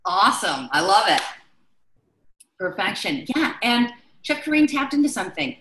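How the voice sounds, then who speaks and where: A woman's voice: mid-range voice, very animated, moderate pace, pushed and bright, reverberant, low-quality recording. A woman chef instructor from Chicago leading a live online class, chatty and loose with many fillers.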